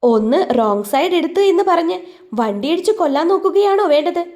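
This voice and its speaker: A woman's voice: animated, fairly quick, a little mellow. A woman voicing a short, quarrelsome young woman who argues indignantly. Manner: indignant, shrill complaining.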